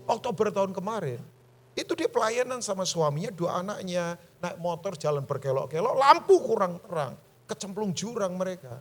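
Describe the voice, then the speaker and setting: High, animated male preacher. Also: moderate pace, soft background music. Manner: lively, colloquial, breaks into loud emphatic bursts. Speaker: pastor. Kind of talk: sermon. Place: church service hall.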